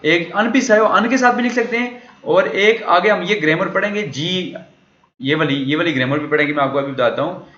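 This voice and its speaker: In an echoey room with dull, lo-fi sound, a man lectures on a recorded dialogue for a language lesson, repeatedly posing questions and answering them himself. His voice is high, fairly quick, and pushed and bright.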